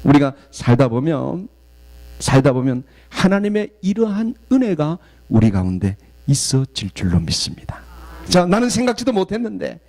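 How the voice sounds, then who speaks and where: A man from southeastern Korea, a guest pastor preaching a sermon and telling stories in an animated way. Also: on the high side, normal speed. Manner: animated storytelling, acts out quoted voices.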